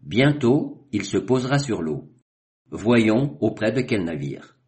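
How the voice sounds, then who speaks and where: A man voicing a bold male ship captain who speaks in loud, emphatic declarations in a read-aloud story. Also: on the low side, sing-song, slow, pitched above the performer's own voice. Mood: commanding.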